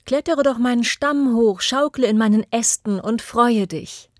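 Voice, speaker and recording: A woman's voice: a little high, a little slow, no echo, studio quality, pitched above the performer's own voice, close to an everyday voice. A woman voicing a loving, selfless old apple tree in a read-aloud storybook, coaxing and tender. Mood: eager coaxing. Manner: eager and coaxing, later faint and whispery.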